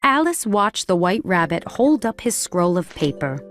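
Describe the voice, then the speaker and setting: Woman, storybook narration, clear and measured, mid pitch. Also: big pitch swings, fairly bright tone, faint music behind.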